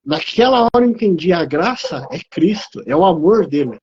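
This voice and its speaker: Husky high-voiced man, emotional testimony. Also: animated, normal speed, a little mellow, muffled recording. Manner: emotional, preaching rhythm, rising pitch on emphasis. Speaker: guest on a live theology talk. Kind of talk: impassioned testimony.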